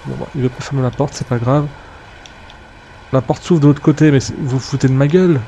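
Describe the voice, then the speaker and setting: A man's voice: medium pitch, steady tone, fairly quick, warm tone, lo-fi sound, slight background noise. A man casually commenting on his gameplay, chatting to viewers and muttering to himself. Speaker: let's play gamer.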